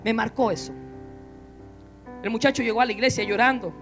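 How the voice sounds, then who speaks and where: A man's voice: very high voice, steady tone, fairly quick, a bit bright, faint music behind. A man preaching a sermon, emphatic and repeating key phrases, leaving sentences open for the congregation to finish. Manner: call-and-response, leaves sentences open for the congregation. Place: church.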